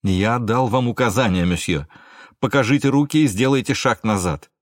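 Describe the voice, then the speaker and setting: A man's voice: medium pitch, moderate pace, no room sound, clean studio sound, natural voice. A male reader voicing a firm male police officer who gives clipped orders to a suspect. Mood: commanding.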